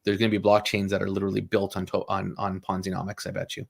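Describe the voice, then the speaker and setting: A man's voice: deep voice, completely flat delivery, quick pace, creaky. A man hosting a casual livestream chat, rambling with many fillers and apologies, and laughing often. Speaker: livestream host.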